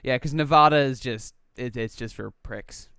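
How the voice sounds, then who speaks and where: A man's voice: mid-range voice, fairly even intonation, measured pace, clean tone, no echo. A young man co-hosting a casual podcast, rambling with lots of fillers and crude jokes. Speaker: podcast co-host. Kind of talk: casual chat.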